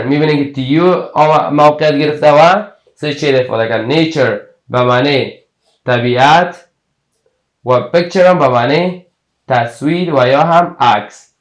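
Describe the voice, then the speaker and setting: A man with an Afghan Dari accent teaches English spelling, carefully repeating each example word and then giving its meaning. His voice sits a little high, and the room around him rings with echo. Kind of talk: explaining English letter combinations.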